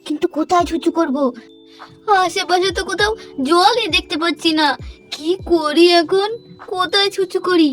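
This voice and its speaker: Brief: furtive little doll-play creature, a woman doing it, hushed mutters, very high voice. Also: normal speed, soft background music. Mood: worried.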